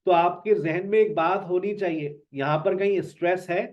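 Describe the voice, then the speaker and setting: A man's voice: high voice, moderate pace. A man teaching an online spoken English lesson, repeating words with emphasis to drill them. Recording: dull lo-fi sound.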